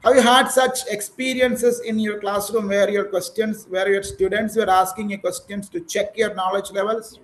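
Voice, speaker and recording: Indian English male trainer, high voice, encouraging coach on a video call. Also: level tone, normal speed, few pauses, poor audio. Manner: encouraging, coaching, prompts with questions. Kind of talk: online speaking practice session.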